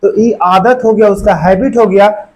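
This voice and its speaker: High-voiced man drilling a class. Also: fairly even intonation, normal speed, noisy background. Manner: quizzes students with constant questions; colloquial, repetitive drilling. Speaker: teacher. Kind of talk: classroom grammar lesson.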